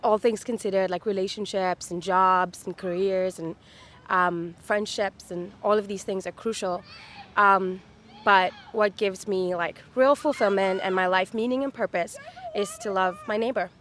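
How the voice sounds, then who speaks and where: A woman in her thirties from Dubai is interviewed outdoors on a city street, chatting casually and upbeat with many fillers. She talks at a measured pace in a mid-range, fairly bright voice.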